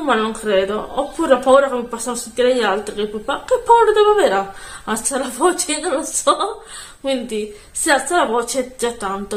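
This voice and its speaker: A woman chatting casually into her phone camera at home, soft-spoken and rambling, often correcting herself. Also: a little high, echoey room. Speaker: beauty vlogger. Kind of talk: casual vlog chat.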